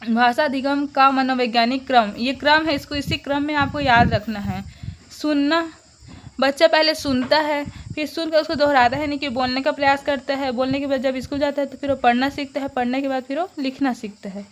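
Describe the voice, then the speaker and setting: High-voiced woman teaching a language lesson. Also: steady tone, a little hiss or hum. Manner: explains terms slowly, repeating them; reads notes aloud, then restates them simply. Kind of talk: exam-prep lesson.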